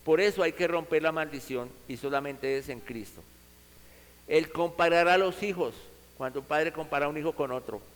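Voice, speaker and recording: Guy preaching a sermon, kinda high voice, earnest and chatty, lots of echo hanging in the hall. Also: normal speed. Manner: earnest, conversational preaching with vivid quoted examples.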